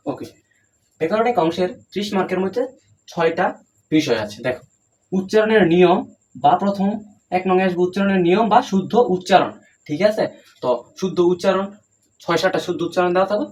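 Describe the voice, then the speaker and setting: A young man coaching students for an exam, talking fast and often checking in with them as he explains the paper section by section. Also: high voice, low-quality recording. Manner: rapid, coaching, repeats "ঠিক আছে?" to check in. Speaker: exam tutor. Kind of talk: exam-prep lesson.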